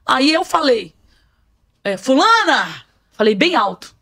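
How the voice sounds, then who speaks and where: Woman, fairly high voice, vivid storyteller, podcast guest testimony. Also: fairly quick. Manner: vivid storyteller, acts out scenes. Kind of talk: personal spiritual testimony.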